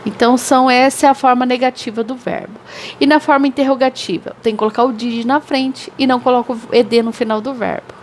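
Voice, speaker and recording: Portuguese-speaking teacher lady going over english grammar, slightly high voice, checks in with "tá?" a lot, faint hiss behind. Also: steady tone. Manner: explains slowly, repeats examples, often adds "tá?". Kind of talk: recorded grammar lesson for students.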